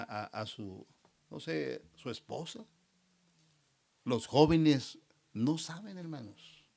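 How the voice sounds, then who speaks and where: Gravelly husky man preaching a sermon. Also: mid-range voice. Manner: repeats "hermanos" often, voice drops at phrase ends. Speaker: pastor.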